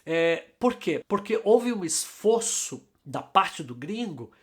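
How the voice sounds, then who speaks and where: A man's voice: high voice, big pitch swings, slow. Emphatic male English teacher. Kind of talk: casual teaching talk.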